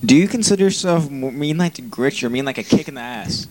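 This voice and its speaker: A man's voice: medium pitch, animated, fast talker, a little hiss or hum. Hesitant young man hosting a joke interview. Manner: hesitant, full of ums, teasing. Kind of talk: comic mock interview.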